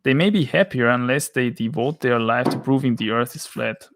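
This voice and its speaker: A man's voice: medium pitch, moderate pace, background noise. Austrian-accented male streamer, gritty voice, loose joking banter with chat. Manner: rambling, joking, reads chat comments aloud. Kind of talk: casual livestream chat.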